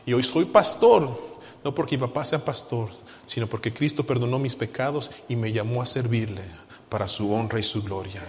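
A young adult man preaching a sermon as pastor, moving between loud pleading and soft, confiding asides. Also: fairly high pitch, a little hiss or hum. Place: church sanctuary. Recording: reverberant church hall with soft music.

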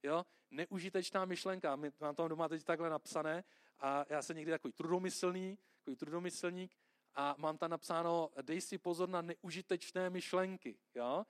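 A man's voice: fairly high pitch, fairly even intonation, smooth, dry recording, studio quality. A man preaching a sermon in a conversational way, often checking in with the listeners. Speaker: pastor.

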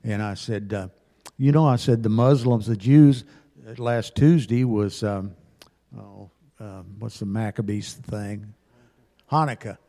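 A man's voice: lowish voice, a little slow, mellow. A man, a church class member, telling a story in an earnest, rambling way. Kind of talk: casual storytelling. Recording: reverberant church hall.

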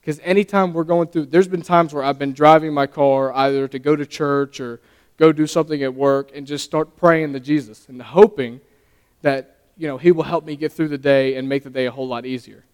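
Young male lay preacher, earnest and halting, smooth higher voice, long hall reverb. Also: fairly even intonation, a little mellow. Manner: earnest, halting, stumbles and restarts. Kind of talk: sermon.

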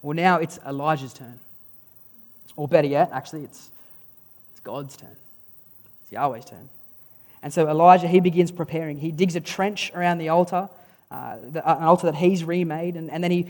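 Preacher in a reverberant hall. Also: mid-range voice. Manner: storytelling, dramatic pauses, lively and conversational. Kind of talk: sermon. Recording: long reverb of a large hall.

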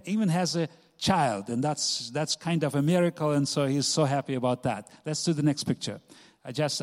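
A middle-aged man giving an informal slide talk about a ministry as its presenter. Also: fairly high pitch. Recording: long hall reverb.

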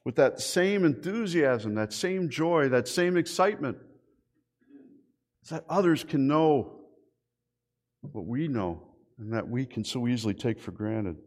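A middle-aged man preaching a sermon as a pastor. He tells lively stories and keeps asking his listeners rhetorical questions. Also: medium pitch, a little slow, long pauses. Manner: animated storytelling with rhetorical questions.

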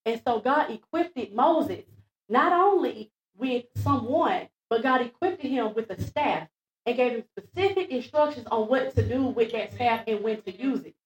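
A woman preaching in a church before the pastor, retelling Bible stories in a lively, repeating way and acting out the quotes. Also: fairly high pitch, unhurried. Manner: lively, repeats phrases, acts out quotes, laughs at herself. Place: church sanctuary. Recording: echoey church room.

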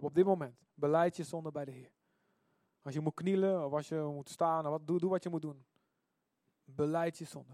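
A man preaching a sermon and leading a congregation in prayer, urgent and fervent, swinging from loud pleas to near whispers. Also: fairly high pitch, no echo, clean studio sound. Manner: urgent, rising to fervent shouted prayer then dropping to murmurs. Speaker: pastor.

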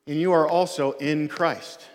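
A man with a high voice preaches a sermon in a long, echoing hall. He talks earnestly and casually, stumbling over repeated words and restarting phrases as he presses his point. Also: fairly even intonation, a little slow. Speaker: pastor.

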